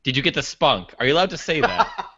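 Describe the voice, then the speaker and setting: A man's voice: fairly high pitch, expressive, quick pace, sharp tone. A young man co-hosting a podcast, tossing out teasing wisecracks. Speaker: podcast co-host. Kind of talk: casual podcast banter. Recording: dull lo-fi livestream audio.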